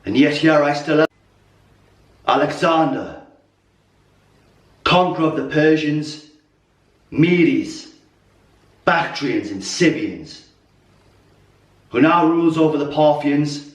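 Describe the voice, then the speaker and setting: An actor playing a proud, wounded warrior king who rebukes his troops in a slow, declamatory theatrical monologue with weighty pauses. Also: a little high, expressive. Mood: grand, boastful. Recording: roomy echo, distant mic.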